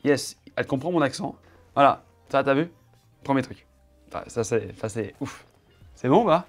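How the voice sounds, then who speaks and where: A man's voice: medium pitch, animated, normal speed, soft background music. A man in his home office chatting casually to camera, showing off his setup and teasing his cameraman in a playful, joking way.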